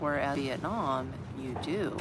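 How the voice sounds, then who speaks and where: An older American livestream vlogger from Orlando, Florida, with a mid-range voice, talks slowly and casually, rambling and reading viewer comments aloud. He's outdoors in an open shed in a city park, and street traffic noise runs through the recording.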